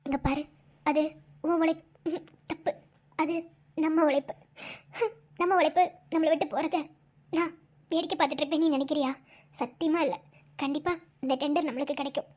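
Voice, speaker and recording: Role: woman playing loyal, tough young wife, Madurai Tamil accent, very high voice, soothing and coaxing. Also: steady tone, normal speed, long pauses, darkish tone, lightly acted. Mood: reassuring firm. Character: young wife, devoted, fierce and comforting. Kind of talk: amateur cartoon voice acting.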